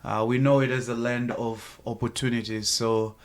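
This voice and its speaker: This podcast guest, who is on a sales team, is a man in his thirties from Zimbabwe with a Zimbabwean accent. His medium-pitched voice comes across flat at normal speed as he talks earnestly and gratefully, occasionally joking, in a casual interview.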